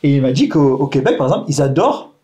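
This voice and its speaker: A man, a musician in a casual round-table chat, relaxed and chatty, asking questions with lots of fillers. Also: mid-range voice, fast.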